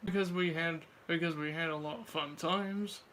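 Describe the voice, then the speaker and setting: A man's voice: a little high, steady tone, normal speed, fairly bright tone, a little hiss or hum. A man chatting casually with a friend about everyday things, in slangy, informal speech. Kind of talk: casual chat.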